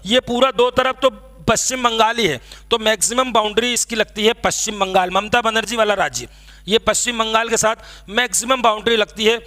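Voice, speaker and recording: A man's voice: very high voice, pushed and bright. A man teaching a geography lecture, drilling students with repeated lists while he draws on a map. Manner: drills students with call-and-response repetition; talks while drawing on a map. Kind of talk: classroom lecture.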